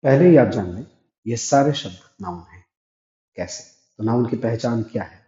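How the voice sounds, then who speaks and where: A man's voice: medium pitch, animated, normal speed, warm tone. A man teaching English grammar step by step, asking and answering his own questions. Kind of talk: classroom-style grammar lesson. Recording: echoey room, dull lo-fi sound.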